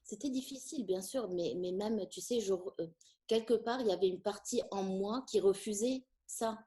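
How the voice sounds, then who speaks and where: In a relaxed interview, a French teacher from Tunisia, a middle-aged woman and native Arabic speaker, reflects on her answers with frequent hesitations and fillers. Her voice has a dark tone at medium pitch.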